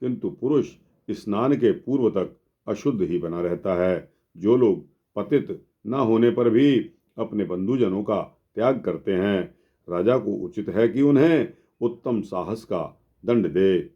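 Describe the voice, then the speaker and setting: Slow, measured man reading scripture. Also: on the low side, lively intonation, dark tone, muffled recording. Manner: measured, addresses listeners as friends. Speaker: scripture narrator.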